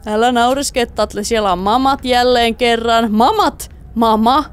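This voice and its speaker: A woman doing let's play commentary, excitable, talking to the game characters and slipping in English phrases. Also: fairly high pitch, clear, resonant tone. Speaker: gaming YouTuber.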